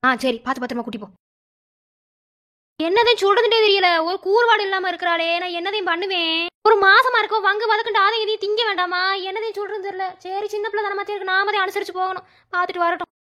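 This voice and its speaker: Woman doing a scolding mother-in-law, rattles on super fast, high bright voice. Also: steady tone. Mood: fussing, scolding. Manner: scolding, fussing chatter. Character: fretting middle-aged mother-in-law. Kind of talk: amateur family skit acting.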